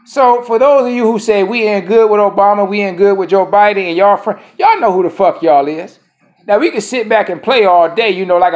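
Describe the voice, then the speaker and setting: A man in his thirties speaking a casual monologue to camera, rambling and profane, often repeating his phrases. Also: high voice. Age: 30s. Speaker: vlogger.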